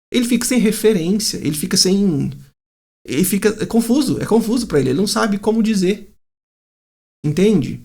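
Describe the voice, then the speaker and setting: A Brazilian-accented English teacher talks straight to camera with a gravelly, creaky edge. The pitch swings widely from line to line, and the teacher often slips into students' worried inner voices. The delivery is casual and animated throughout. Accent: Brazilian Portuguese.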